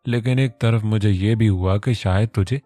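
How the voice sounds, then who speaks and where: A man's voice: fairly low pitch, moderate pace, warm tone, no room sound, faint music behind, lightly acted. A man voicing a scolding but affectionate middle-aged mother in a storybook reading.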